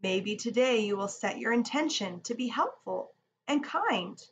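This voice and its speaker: A slightly high, lively woman's voice speaking a little slowly, as a children's yoga teacher reads a picture book aloud. She reads expressively and gives young kids simple, encouraging instructions during a read-along yoga lesson. The room is echoey, the mic distant, with background noise.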